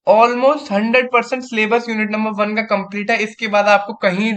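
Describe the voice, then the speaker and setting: A young man gives a casual exam-prep lecture, chatty and acting out angry and gentle example lines. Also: sits high, level tone, moderate pace. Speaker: tutor for engineering exams.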